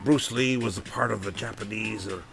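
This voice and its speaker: A man's voice: lowish voice, moderate pace, gravelly, fairly bright tone. An American man musing in a loose, rambling commentary, full of "you know" fillers. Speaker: vlogger. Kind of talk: casual spoken commentary. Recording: faint background music under voice. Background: faint background music.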